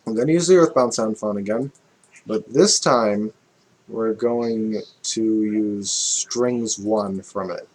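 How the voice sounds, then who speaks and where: A man's voice: fairly low pitch, slow, darkish tone. A man casually walking through a music production tutorial, thinking aloud with fillers and small self-corrections.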